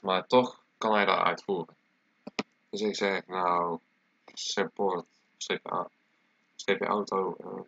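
Low-voiced man with a stuffy nose. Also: pushed and bright. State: congested with a cold, stuffy nose. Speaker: tutorial presenter. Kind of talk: casual screencast tutorial, talking while typing. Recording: dull lo-fi mic, clear background noise. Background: keyboard typing and clicking.

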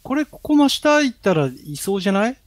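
Guy on a game stream cracking jokes, voice a bit high, goes up and down a lot. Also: sing-song, a little fast, no room sound. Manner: joking, teasing. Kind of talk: live gaming chat.

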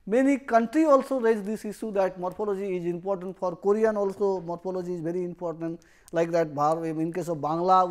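High-voiced man lecturing. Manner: explains step by step, repeats key phrases. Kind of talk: university lecture.

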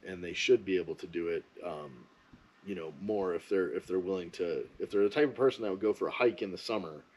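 A man's voice: low-pitched, darkish tone, a little hiss or hum, poor audio. A man giving a casual, rambling, opinionated monologue as a ski vlogger.

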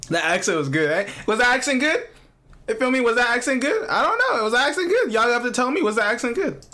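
A man's voice: extremely high pitch, very animated, quick pace, sharp tone. A man hosting a reaction video, chatting in a slangy, amused way and repeating himself. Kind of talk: casual reaction commentary.

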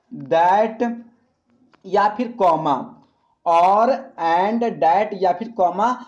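Mellow-voiced man teaching grammar. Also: high-pitched, lo-fi sound. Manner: repeats questions to the class, then answers them; calls listeners "friends" often. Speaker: English teacher. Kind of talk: exam-prep grammar lesson.

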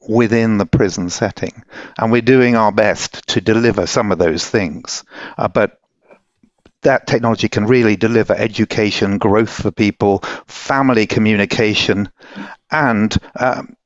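A man's voice: fairly low pitch, no echo, muffled recording. A man in his sixties giving an informal comment as a company chief on a video-call headset. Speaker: company founder and CEO. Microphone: headset boom mic on video call.

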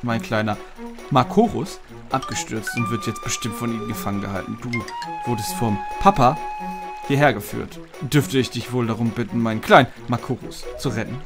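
A man's voice: mid-range voice, moderate pace, lightly acted. A man reading a solemn ancient tree spirit. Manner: solemn, stately reading of game dialogue. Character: ancient wise giant tree spirit, male. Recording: game music behind voice.

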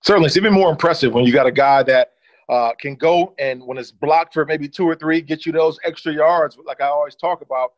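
Over dry, dull video-call audio, a guest who used to play running back talks through game film in a casual way. He's in his thirties, with a fairly high voice and a slightly fast pace, and he relaxes into frequent "certainly"s and "uh"s.

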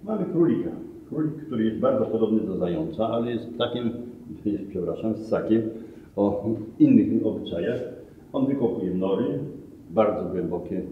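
A man's voice: fairly low pitch, lively intonation, moderate pace, a little hiss or hum. A middle-aged man guiding a museum talk, explaining things step by step and correcting himself now and then. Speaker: museum guide. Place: museum hall among glass display cases. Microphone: camera a few meters away. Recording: roomy, distant, phone-like thin sound.

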